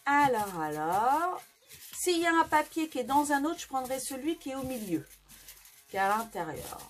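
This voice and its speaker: A French woman giving a casual tarot reading, chatty and hesitant with many fillers and restarts. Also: sits high. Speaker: tarot reader. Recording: faint background music.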